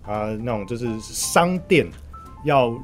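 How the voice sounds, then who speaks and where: A man's voice: medium pitch, expressive. Taiwanese-accented man chatting over guitar music. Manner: halting, repeats short agreement words rapidly. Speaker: guest market commentator. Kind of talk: casual podcast chat. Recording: music playing under the talk.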